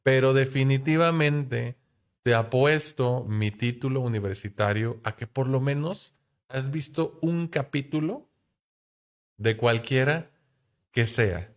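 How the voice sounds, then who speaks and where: A man's voice: mid-range voice, slow. Chatty man hosting a podcast. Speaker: podcast host. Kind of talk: casual podcast chat.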